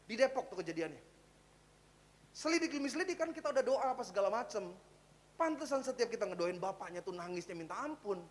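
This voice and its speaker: A male pastor preaching a livestreamed church sermon in a conversational way, with slang and English words, swinging from loud cries to hushed low tones. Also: big-room sound, slight background noise.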